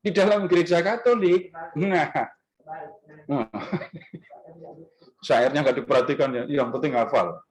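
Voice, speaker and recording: A man with a slightly high voice gives a casual Easter talk to a parish group in a restaurant function room. He keeps throwing questions at the audience and pushes his key words up with lively emphasis. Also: unhurried, long pauses, poor audio. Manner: conversational, quizzes the audience with questions. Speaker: speaker at a parish gathering.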